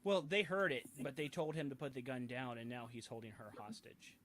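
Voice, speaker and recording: A man narrating a tabletop game as game master, halting and full of fillers and restarts. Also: medium pitch, steady tone, a crowd in the background. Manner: hesitant, many fillers and restarts.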